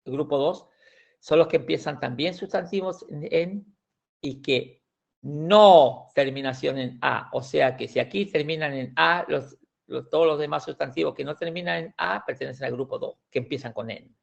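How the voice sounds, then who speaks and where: A language teacher with a slightly high, gravelly, creaky voice gives a classroom grammar lesson, patiently and slowly working through examples. He repeats words and frequently restarts, and the recording sounds dull and lo-fi.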